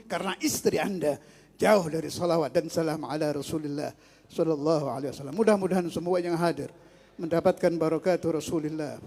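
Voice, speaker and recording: Male preacher, high voice with a gravelly edge, fervent sermon delivery. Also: long reverb tail. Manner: builds from quiet to loud fervent exhortation.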